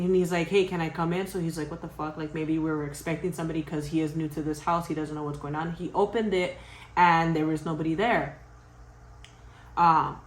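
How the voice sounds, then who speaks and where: A young woman vlogger casually telling a spooky story to her viewers, animated and swearing, often laughing. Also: lowish voice, echoey room.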